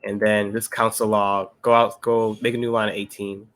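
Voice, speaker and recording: A young man with a somewhat low voice talks through a coding problem step by step. His manner is laid-back and patient, like a casual pair-programming session at home. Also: level tone, moderate pace, a bit bright. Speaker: interview candidate studying coding.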